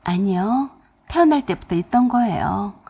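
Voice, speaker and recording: Woman doing a shy polite young woman, hesitant, husky, radio-drama story. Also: mid-range voice, lively intonation, normal speed, warm tone. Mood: timid. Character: timid, slight young woman, mid-thirties.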